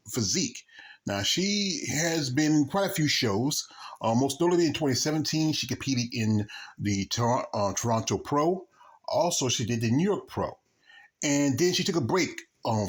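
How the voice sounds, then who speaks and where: Man hosting a vlog, halting delivery. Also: medium pitch. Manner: halting, with stammered repeats and broken-off words. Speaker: YouTube host. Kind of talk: casual vlog monologue announcing an interview.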